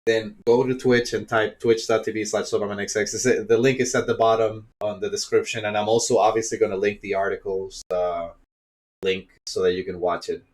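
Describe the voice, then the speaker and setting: A man's voice: on the low side, level tone, brisk. Young guy from chile, kinda sick, ranting on his vlog and swearing a lot. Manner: frustrated, swears a lot, acts out imagined dialogue. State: slightly sick, coughing. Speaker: YouTuber and streamer. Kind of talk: unscripted vlog rant.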